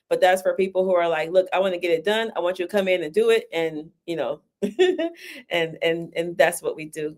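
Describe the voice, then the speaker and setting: A woman who runs a book publishing service, giving an interview in a quick, casual way and often checking in with "right?". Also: lowish voice. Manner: talks fast, says "right?" often. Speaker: guest, book publisher and ghostwriter.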